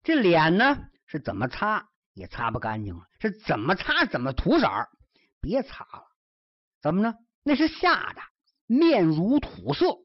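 A woman's voice: on the low side, a little slow, dry recording, dull audio. A woman telling a story in traditional storyteller style, with chatty asides to the listener. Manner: lively, chatty asides to the listener with rhymed verse closings.

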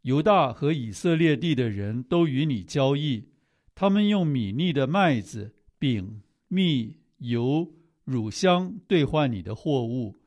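A man reading scripture aloud in a steady, measured way. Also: medium pitch. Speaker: scripture reader.

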